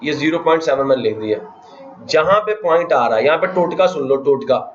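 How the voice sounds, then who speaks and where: A man from Pakistan, fairly high-pitched, animated and a little fast, teaches math by asking his students questions and counting places aloud. There's slight background noise, and the echoey classroom recording has a dull lo-fi quality.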